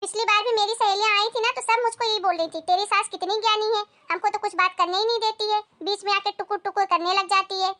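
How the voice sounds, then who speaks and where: A woman's voice: very high-pitched, fairly even intonation, fast, hardly any pauses. A woman playing a bossy scolding housewife. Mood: harsh. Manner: scolding, sharp and sarcastic. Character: bossy, short-tempered housewife and daughter-in-law. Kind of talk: comedy family skit.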